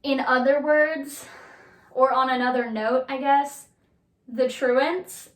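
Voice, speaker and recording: A woman's voice: high-pitched, steady tone, takes it slowly. A young woman vlogging casually about books at home, chatty, with lots of fillers and laughter. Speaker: book vlogger. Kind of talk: casual vlog chat. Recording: echoey room.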